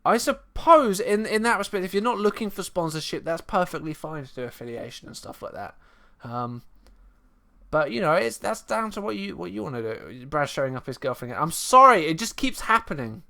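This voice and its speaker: A young man hosting a live stream, chatting casually, laughing often, with sudden loud bursts. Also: on the high side, sing-song, moderate pace, vocal fry. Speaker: stream host.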